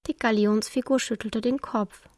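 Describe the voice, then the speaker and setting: A woman narrating a children's storybook in a calm, expressive way. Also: a little high, normal speed, dry recording, studio quality.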